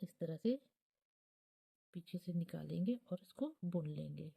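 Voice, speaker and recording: A woman teaching knitting step by step, patient and unhurried. Her voice is low and very mellow, with a husky, breathy edge. She counts stitches aloud and often sinks into a soft near-whisper. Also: animated.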